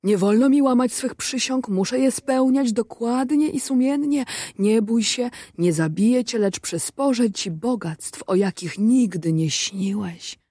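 A woman's voice: a little high, measured pace, hardly any pauses, warm tone, dry recording, studio quality. A woman voicing a giant male genie made of mist in a storybook reading, solemn and imploring.

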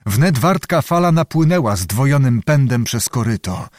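A man narrating a historical novel as an audiobook in a measured, dramatic storytelling manner. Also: mid-range voice, expressive, a little mellow, no room sound, studio quality. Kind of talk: scripted narration.

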